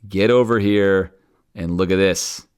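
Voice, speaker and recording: Male podcast host, deep voice, animated film-review commentary. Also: a little slow, smooth. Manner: animated, acts out coaches and players in quoted asides.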